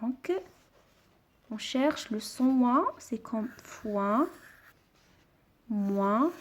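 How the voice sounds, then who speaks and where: Slow, deliberate woman teaching reading. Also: fairly high pitch. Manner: slow, deliberate, spelling out sounds. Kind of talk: children's reading lesson.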